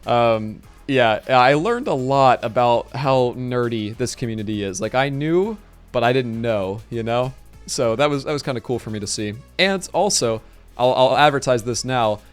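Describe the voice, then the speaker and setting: Faint music plays behind a man on a live stream as he talks quickly and rambles with excitement about organizing a tournament. His mid-range voice is turning hoarse in this casual chat.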